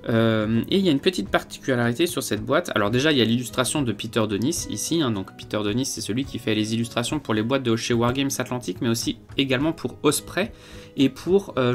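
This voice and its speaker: A man giving a casual unboxing review of miniature figures, talking with many hesitations and fillers. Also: medium pitch. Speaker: wargaming hobby reviewer.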